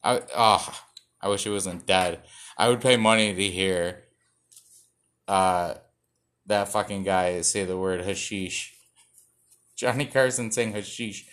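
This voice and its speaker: A young man with a lowish but bright, forceful voice talks through a loose stand-up set read off cards. He rambles, stumbles, swears and mocks himself between jokes. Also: slow, pauses often. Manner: self-mocking, profane, rambling with many fillers and restarts. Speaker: stand-up comedian.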